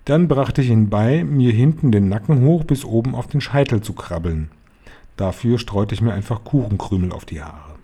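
A man narrates a children's novel in a calm, even manner. His voice is mellow and somewhat dark, at an ordinary pitch for a man. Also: moderate pace, breathy edge. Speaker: reader. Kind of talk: audiobook narration.

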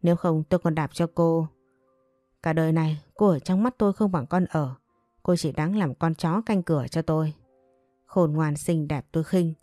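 A woman reading a cruel, arrogant young husband, spiteful and sneering. The voice is low and dark, recorded close and dry. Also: no room sound, close to an everyday voice. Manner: contemptuous, spiteful.

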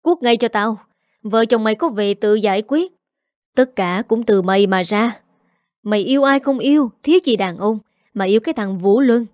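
A woman voicing a hot-tempered older father who shouts insults at his daughter. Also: sits high, brisk, no room sound, clean studio sound, lightly acted. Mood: furious.

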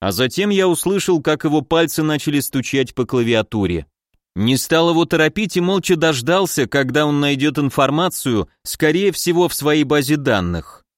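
A man's voice: a little high, lively intonation, normal speed, no echo, clean studio sound. Man narrating an audiobook plainly. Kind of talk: scripted first-person narration.

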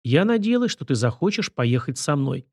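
A man's voice: a little high, big pitch swings, moderate pace, a little mellow, breathy edge, no room sound, studio quality, heavily acted. A man voicing a playful teasing woman. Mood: pleading.

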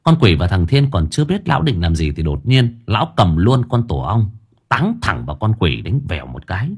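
A man narrating an audiobook story in a lively, animated way. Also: fairly low pitch, normal speed, husky.

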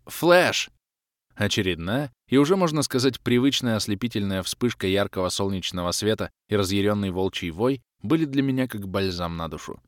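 A man narrating a first-person fantasy adventure, lively and shouting out the dialogue lines. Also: on the low side, a little fast, few pauses, dry recording, clean studio sound. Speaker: audiobook narrator. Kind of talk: scripted narration.

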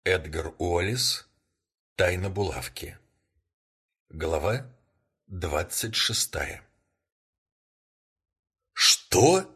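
A man narrates a classic detective story in a low, husky voice. His reading is expressive, and the pitch rises and falls widely. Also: measured pace. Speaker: audiobook narrator. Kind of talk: scripted narration.

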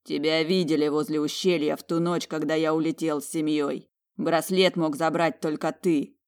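A woman's voice: sits low, steady tone, normal speed, a little mellow. A woman reading an audiobook, voicing a proud, hot-tempered young male dragon general who growls his words through clenched teeth. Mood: accusing.

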